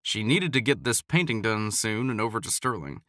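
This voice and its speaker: A man calmly narrating a romance audiobook in scripted narration. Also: fairly low pitch, normal speed, dry recording, studio quality.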